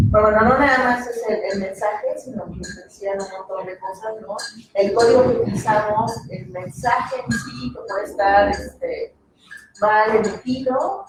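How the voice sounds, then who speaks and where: Mexican woman speaker in echoey room. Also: on the high side. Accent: Mexican Spanish. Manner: chatty, frequent tag questions and fillers. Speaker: psychologist guest speaker. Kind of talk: casual talk lecture. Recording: echoey room, distant mic, noisy.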